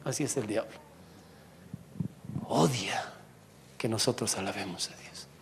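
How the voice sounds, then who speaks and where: A male pastor preaching a sermon in church, animated, swinging from loud exhortation to quiet asides. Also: on the low side, measured pace, gravelly, noisy background.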